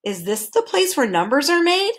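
An earnest young boy who keeps asking polite questions, read by a woman. He has a fairly high, gentle voice, as in a storybook. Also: very animated, normal speed. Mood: curious. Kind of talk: storybook reading.

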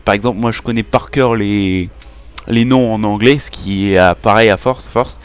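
A man's voice: fairly low pitch, moderate pace, clear, resonant tone. A young man casually talking through a game tutorial, hesitating and restarting often. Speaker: gaming YouTuber.

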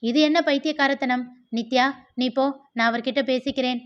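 A woman's voice: high voice, steady tone, moderate pace, natural voice. A woman doing an indignant sister-in-law. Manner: raised, indignant questioning. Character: agitated woman, sharp-tongued elder sister-in-law. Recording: dull lo-fi recording.

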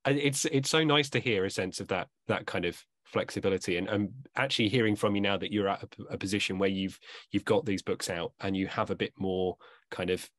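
A man's voice: on the low side, brisk, a bit bright, dry recording, studio quality. A man in his thirties, a bookseller hosting an author talk, asking questions hesitantly with many restarts on a video call from home. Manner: hesitant, full of restarts and fillers. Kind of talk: casual video-call interview.

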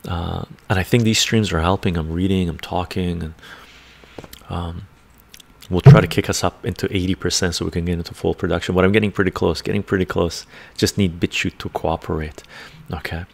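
Fairly quick and steady in tone, this older man's low-pitched, gravelly voice comes through a congested chest. Hosting a casual livestream among bookshelves at home, he reads out the chat and rambles with a chuckle, speaking into a desk mic in front of him.

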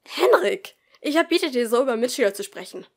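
A woman's voice: a little high, fairly quick, close to an everyday voice. Woman doing a stern, commanding schoolteacher. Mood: angry. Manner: raised, commanding, firm. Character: stern female schoolteacher, middle-aged, strict. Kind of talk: amateur audiobook reading.

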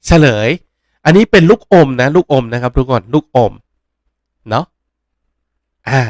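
A man's voice: mid-range voice, expressive, measured pace, a little mellow, no room sound. Chatty man teaching Japanese, dry close sound. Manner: chatty, jokey, repeats words for practice. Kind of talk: casual online language lesson.

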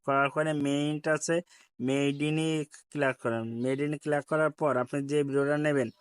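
A man with a Bangladeshi Bengali accent talks viewers through an editing app one step at a time. He keeps circling back to repeat each instruction. His voice is smooth and clear, recorded close and dry with no room sound. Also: a little high, a bit bright, no echo. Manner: repetitive step-by-step instruction, addresses viewers politely. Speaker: tech tutorial host. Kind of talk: screen-recorded app tutorial.

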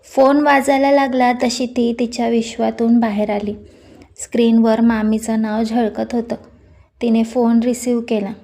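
Mellow woman narrating a story. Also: fairly high pitch, little pitch movement, a little slow.

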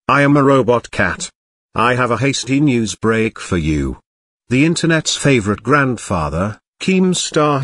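Bobby, a robot cat newsreader. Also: male voice, medium pitch, dry recording, studio quality. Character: male robot cat news anchor, snarky. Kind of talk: mock news report.

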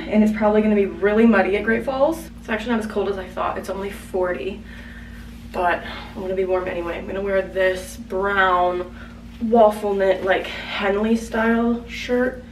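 A woman's voice: medium pitch, slight background noise. A young woman from Virginia chatting casually to camera in her bedroom, rambling with lots of "like" as she talks through her day. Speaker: vlogger. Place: small bedroom at home, indoors. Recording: roomy, slightly distant home recording.

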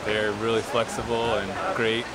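A young man, a trail runner, answering interview questions outdoors in a relaxed, soft-spoken way. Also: on the low side, a little slow, very noisy. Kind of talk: post-race interview. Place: outdoors in a forest by a race course.

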